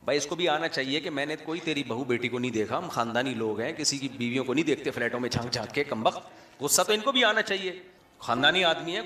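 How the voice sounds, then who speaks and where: A man's voice: a little high, pushed and bright. A middle-aged man, an Islamic scholar giving a humorous sermon with chatty storytelling and asides to a live audience. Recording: echoey hall, faint music.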